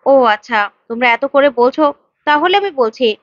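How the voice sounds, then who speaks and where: A woman's voice: sits high, lively intonation, a little fast, no echo, muffled recording. A woman voicing a scheming man in a retold serial, speaking curtly and with smug suspicion. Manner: suspicious, curt then smug. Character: scheming adult male family friend.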